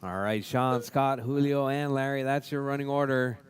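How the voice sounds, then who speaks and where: A man's voice: mid-range voice, steady tone, moderate pace. A man giving live race commentary like a spotter, in repetitive clipped calls of running order and cautions. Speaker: race announcer.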